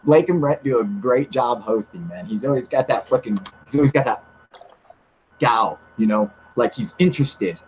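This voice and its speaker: Profane, excitable man hosting a stream. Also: mid-range voice, moderate pace. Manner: profane, excitable, laughs often. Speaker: host of a live UFO stream. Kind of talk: casual live-stream chat. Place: outdoors in humid air. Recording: slightly dull with faint hiss.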